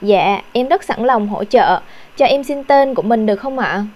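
Woman receptionist w/ polite formal customer service voice, on the higher side. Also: expressive, moderate pace, darkish tone. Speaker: salon receptionist taking a phone booking.

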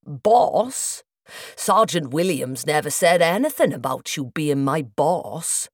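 A woman's voice: sits low, sing-song, takes it slowly, dry recording, clean studio sound, full character voice. A woman voicing a fresh-faced young male constable with a broad Welsh accent, easygoing and cheeky.

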